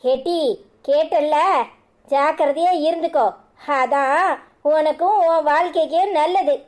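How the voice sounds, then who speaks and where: A bitter mother-in-law from a cartoon serial, voiced by a woman. She issues curses and warnings in a Kanyakumari Tamil accent, her voice pitched very high. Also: measured pace, darkish tone. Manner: cursing, warning.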